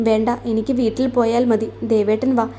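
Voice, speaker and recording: A woman's voice: a little high, little pitch movement, a little fast, mellow, a little hiss or hum, close to an everyday voice. A woman reading the part of a guilty young woman who insists on going home. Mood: tearful.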